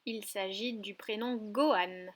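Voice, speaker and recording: A woman teacher giving a recorded lesson to young children, speaking slowly and clearly and addressing the child directly. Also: mid-range voice. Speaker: preschool teacher.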